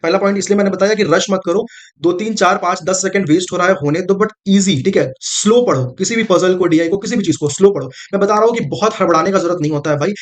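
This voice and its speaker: A man's voice: sits high, fast talker. A man coaching students on exam strategy in a casual, direct way, repeating his points and calling the listener brother. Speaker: exam prep mentor. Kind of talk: casual coaching talk to camera.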